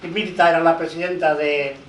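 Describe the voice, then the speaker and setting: An older man, a lawyer and researcher, speaks on a conference panel in a somewhat high voice with fairly even intonation and a slightly quick pace. He tells anecdotes and quotes dialogue along the way. The distant mic picks up an echoey hall and slight background noise.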